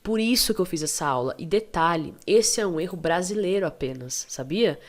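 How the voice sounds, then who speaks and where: A Brazilian woman with a low voice and a Brazilian Portuguese accent gives an online English lesson over her screen. She is chatty and encouraging and keeps checking in with quick questions. Her tone is relaxed and plain, like a teacher talking to her own students.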